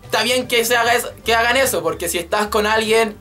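A YouTube host in his twenties with a Chilean Spanish accent chats animatedly on his vlog, swearing freely and joking as he rants, in an extremely high, fast, pushed and bright voice. He's in a small room with a drum kit, recorded on a desk webcam, with faint music behind him.

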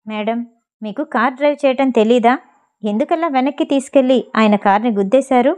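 A woman voicing a male traffic policeman who scolds briskly and then turns deferential. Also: on the high side, a little mellow, lightly acted. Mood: scolding.

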